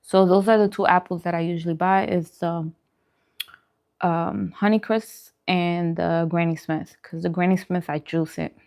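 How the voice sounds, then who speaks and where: Speaking a little slowly, a woman with a fairly low, darkish voice keeps a steady tone, and the sound is clean. She hosts a vegan mukbang and casually answers livestream viewers. Her food advice is forceful and opinionated, with phrases repeated for emphasis.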